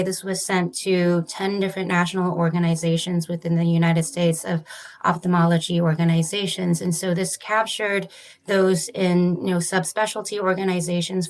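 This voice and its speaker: In a podcast interview, a woman who is an ophthalmologist and author of a study talks earnestly about her research. She keeps a careful, steady pace and a low voice whose tone barely rises or falls.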